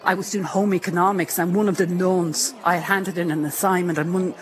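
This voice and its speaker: A woman's voice: lowish voice, steady tone, a little fast, some chatter behind. A woman from Ireland with a speech impediment, telling her own story in a candid, self-mocking way and carefully sounding out hard words. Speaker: interviewee. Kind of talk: personal storytelling.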